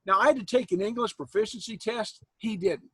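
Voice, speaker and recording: A husky, higher-voiced man in his 60s from Iowa, a college instructor, talks fairly quickly and with a sharp tone as he chats casually with students after an online class. He's folksy and joking and laughs often. He's at home on a video call, the computer mic sounding close and dry with no room sound.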